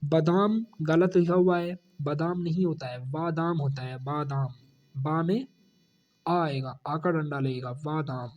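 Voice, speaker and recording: This Hindi-accented male teacher runs a spelling lesson for exam students, saying each corrected word again and dropping low when he gives the answer. His tone is steady, a little slow and mellow, and the highs are cut off.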